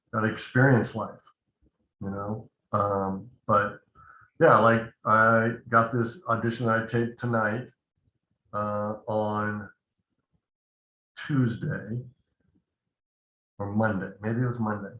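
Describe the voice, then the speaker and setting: A man's voice: on the low side, flat delivery, slow pace, long pauses, bright, forceful tone, slight background noise. An older man, an actor and acting coach, telling rambling anecdotes in a casual interview over the phone. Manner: rambling, anecdotal, many asides. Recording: echoey dull phone line.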